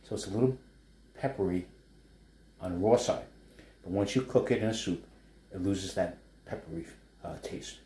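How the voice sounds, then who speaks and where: At a moderate pace with long pauses, a low, mellow-toned chef and food blogger with a New York accent chats his way through a casual home cooking demonstration, stirring a wok and wandering into cheerful asides. The living-room kitchen setup indoors lends a slight ring and faint background hum.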